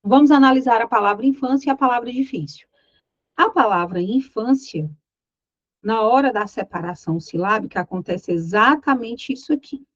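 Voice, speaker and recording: A woman with a high voice, lively intonation, and a Brazilian Portuguese accent speaks at normal speed in a lo-fi recording with no echo. Teaching an exam-prep grammar lesson, she explains step by step, checks in with her students frequently, and speaks imagined student questions aloud.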